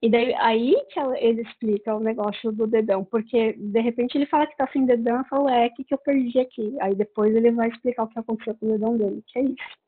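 A woman's voice: a little high, steady tone, fast talker. A woman with a Brazilian Portuguese accent, casually retelling a book's plot in a rambling way with many fillers. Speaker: book reviewer. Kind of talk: casual book review chat. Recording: tinny phone-like sound.

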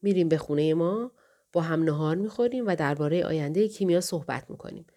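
A woman voicing an elderly male scholar who is kind and grieving, speaking softly and affectionately. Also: fairly low pitch, close to an everyday voice. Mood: gentle. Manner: soft, affectionate, slow.

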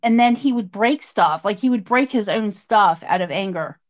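A woman's voice: medium pitch, moderate pace. A middle-aged woman telling her story in a conversational interview, acting out what others said. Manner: animated storyteller, acts out quotes. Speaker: guest describing past abuse.

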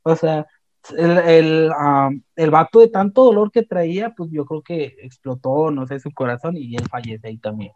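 A young man with a Mexican accent, casually retelling an anime plot in a slangy, animated way with many restarts. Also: a little high, normal speed, no room sound. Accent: Mexican Spanish. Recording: dull, slightly lo-fi dry sound.

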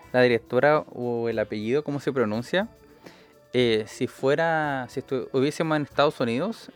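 Smooth-voiced Chilean man explaining. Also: mid-range voice. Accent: Chilean Spanish. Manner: explanatory, lecturing at length. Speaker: podcast co-host. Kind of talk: casual chat.

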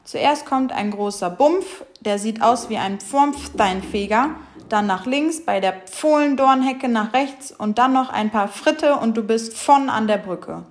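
A woman's voice: on the high side, sing-song, slow pace, vocal fry, few pauses, a little mellow, full character voice. A woman voicing a shy young boy rabbit with buck teeth who lisps, turning sch sounds into f. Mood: eager. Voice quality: lisping, says f for sch.

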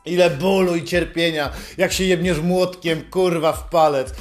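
Guy ranting sarcastic, swears nonstop, kinda higher voice, light music behind. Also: steady tone, normal speed. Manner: mocking, heavily profane, scolding. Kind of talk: sarcastic motivational rant.

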